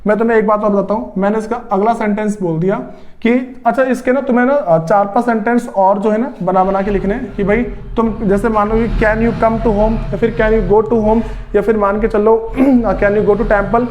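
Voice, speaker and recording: High-voiced man teaching English grammar. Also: steady tone, a little mellow, slight background noise. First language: Hindi. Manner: explains slowly, repeats steps, often says "theek hai" and clears his throat. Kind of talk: spoken grammar lesson.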